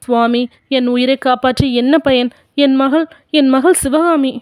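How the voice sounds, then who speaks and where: A woman's voice: sits high, fairly even intonation, measured pace, a little mellow, clear, resonant tone, no room sound, clean studio sound. A woman voicing an anguished old sculptor. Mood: grieving. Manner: pleading, crying out. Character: anguished old male sculptor, desperate father.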